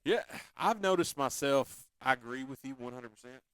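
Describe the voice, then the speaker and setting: Lively laid-back man. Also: mid-range voice, normal speed, clean tone, dry recording, studio quality. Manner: laid-back, joking, repeats phrases. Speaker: podcast host. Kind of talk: casual chat.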